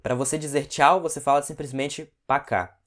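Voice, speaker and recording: A man teaching an online language lesson. He explains patiently, checks in often with his listeners, and slows down to model each word. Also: fairly high pitch, fairly even intonation, a bit bright.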